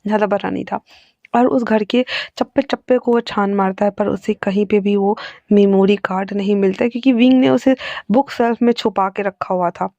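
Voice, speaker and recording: Woman storyteller, casual chatty narration, mellow tone, dry close sound. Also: medium pitch, fairly even intonation, normal speed, gravelly, no echo, highs cut off. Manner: chatty, with fillers and asides.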